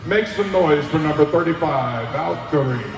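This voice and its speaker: A man announcing roller derby player introductions in a pumped-up, booming style over a venue PA. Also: a little slow. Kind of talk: hyped scripted player introductions over arena PA. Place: large indoor sports venue. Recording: echoey PA heard far off, music. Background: clear music.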